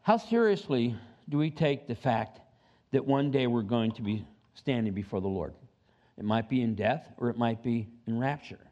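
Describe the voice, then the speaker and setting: A pastor in his seventies preaches an animated sermon, his voice at an ordinary middle pitch that climbs sharply when he presses a point. He drops in joking asides between scripture readings. The church recording sounds dull and lo-fi. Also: moderate pace. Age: 70s.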